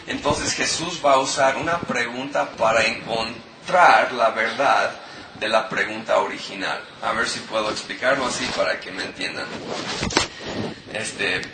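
A man's voice: mid-range voice, unhurried. Man, pastor, sermon, questions to congregation, distant mic, roomy. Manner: explains scripture with questions to the congregation. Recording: echoey hall from far off with noise.

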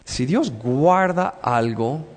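A man's voice: mid-range voice, expressive, very slow, in a large hall. A man preaching a sermon in a conversational way, acting out little dialogues with God. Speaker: pastor.

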